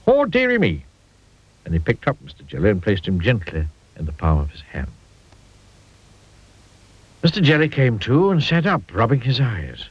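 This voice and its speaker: A man reading a children's storybook aloud in an expressive, playful way. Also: fairly low pitch, moderate pace, long pauses, breathy edge. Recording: dull lo-fi audio.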